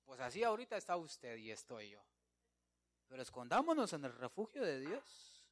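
A man preaching an evangelical sermon, emphatic, keeps calling his listeners brother, swinging between loud declarations and quiet asides. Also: medium pitch, very animated, moderate pace.

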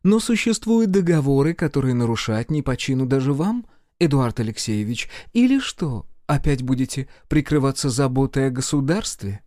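A man voicing a fierce, sharp-tongued older woman healer who scolds and threatens, in a dry audiobook recording. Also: mid-range voice, lively intonation, moderate pace, no room sound, lightly acted. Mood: defiant. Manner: shouting threats, tongue-lashing.

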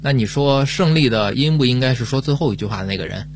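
Male radio co-host, playful, average pitch. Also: lively intonation, fast talker, slight background noise. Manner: playful, joking. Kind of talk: casual chat.

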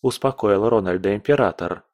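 A man narrating a story in an even, storytelling manner. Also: fairly low pitch, normal speed, dry recording, highs cut off. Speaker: audiobook narrator. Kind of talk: scripted narration.

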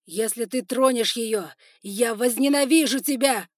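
A woman's voice: deep voice, steady tone, measured pace, husky, dry recording, clean studio sound, exaggerated voice. Woman voicing a desperate young spider prince. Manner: pleading loudly, then whispering gently. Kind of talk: audiobook character voice.

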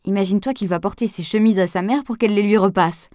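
A woman reading an audiobook, voicing a lively, impulsive young woman who talks emphatically. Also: medium pitch, fast talker, no echo, clean studio sound, lightly acted.

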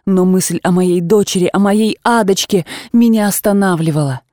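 A woman reader voicing a remorseful young wife who pleads slowly and tearfully with her husband, rising into high cries. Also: warm tone, no echo, clean studio sound, close to an everyday voice. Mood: desperate. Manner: imploring, slow, breaking into high tearful cries.

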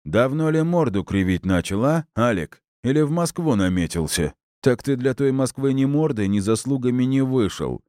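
A man voicing a drunk, foul-mouthed, hot-tempered middle-aged man who shouts and drags out his words. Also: medium pitch, expressive, dry recording, studio quality, pitched above the performer's own voice, natural voice. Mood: rowdy, mocking. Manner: shouting, coarse, drawn-out words.

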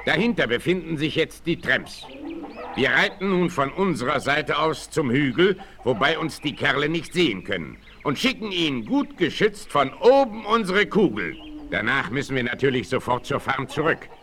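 Bold frontier hero Old Firehand, bright, forceful. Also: male voice, on the high side, big pitch swings, moderate pace. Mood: calm, resolute. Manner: declamatory, resolute, commanding. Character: bold, commanding male frontier hero and hunter. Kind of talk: 1960s German radio-play acting. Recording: 1968 vinyl radio play, noisy.

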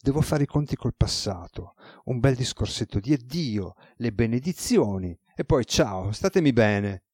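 A man voicing a weary, ironic male god with a relaxed, teasing manner, as read in an audiobook. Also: mid-range voice, moderate pace, husky, dry recording. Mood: wry.

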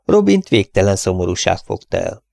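Male audiobook narrator, low gravelly voice, measured dramatic reading, dry close mic. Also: sing-song, a little mellow, no room sound. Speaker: audiobook reader. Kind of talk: scripted narration.

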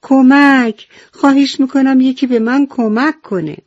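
A woman voicing a small frightened snail in a children's radio story, crying out for help in a high, panicky voice. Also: steady tone, a little mellow, muffled recording, close to an everyday voice. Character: small frightened snail trapped under a bucket.

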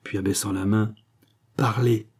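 A man narrating a classic novel in a measured, steady reading. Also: on the low side, breathy edge. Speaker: audiobook narrator. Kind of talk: scripted literary narration.

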